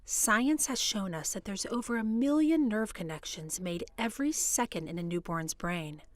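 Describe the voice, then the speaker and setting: A woman presenting an educational video, explaining in a calm, clear way. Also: medium pitch, no room sound. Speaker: hospital staff presenter. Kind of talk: scripted educational narration.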